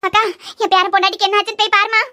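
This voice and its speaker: A woman's voice: very high-pitched, level tone, very fast, sharp tone, heavily acted. A woman voicing a worried old grandmother who prays and laments, in a Kanyakumari Tamil accent. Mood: anxious praying. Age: older. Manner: anxious, lamenting.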